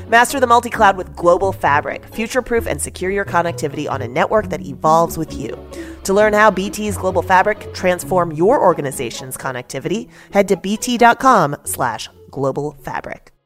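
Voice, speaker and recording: A woman reading scripted sponsor ads with smooth, polished delivery. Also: fairly low pitch, expressive, brisk. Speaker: sponsor ad reader. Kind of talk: scripted podcast ad read. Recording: faint music behind.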